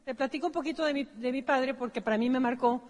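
A Mexican woman tells her own story to a seminar audience and corrects herself as she goes. Her voice sits fairly high. The long reverb of a large hall trails after her words. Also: quick pace. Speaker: business seminar presenter. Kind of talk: personal storytelling on stage.

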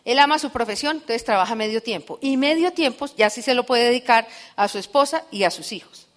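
A woman's voice: fairly high pitch, lively intonation, brisk. A middle-aged woman giving a live motivational speech to an audience, telling stories and asking the crowd rhetorical questions. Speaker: motivational business speaker.

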